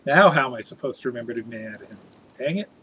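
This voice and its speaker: A man's voice: mid-range voice, animated, rapid-fire, pushed and bright, slightly rough, rough recording. A man chatting casually as a live streamer, reading out viewer comments in a playful, jokey, theatrical way.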